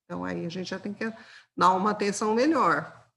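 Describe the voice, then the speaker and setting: A woman's voice: medium pitch, a little fast, gravelly, a bit bright. A woman with a Brazilian Portuguese accent teaching grammar for an exam, patiently explaining with examples and checking in with her students. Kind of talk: exam-prep grammar lesson.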